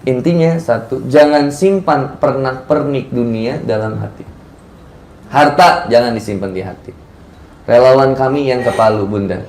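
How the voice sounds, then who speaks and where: A man's voice: mid-range voice, moderate pace, darkish tone. A man preaching casually to a cafe audience, telling stories in a playful way and acting out the people in them. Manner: storytelling, playful, acts out the people in his stories. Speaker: Islamic preacher. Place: cafe study session room. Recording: echoey room, faint ambience.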